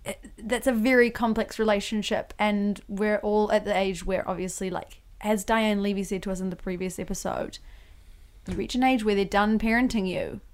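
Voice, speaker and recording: A woman in her twenties hosting a podcast, chatting casually with quick, teasing interjections. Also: mid-range voice, steady tone. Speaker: podcast host. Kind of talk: casual chat.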